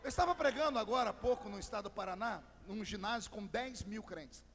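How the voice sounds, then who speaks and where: A man's voice: sits high, lively intonation, brisk. Man, Brazilian pastor, sermon, ringing long reverb. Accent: Brazilian Portuguese. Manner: storytelling with sudden shouted crescendos. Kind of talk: Pentecostal sermon. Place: large church hall. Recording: long hall reverb with faint music.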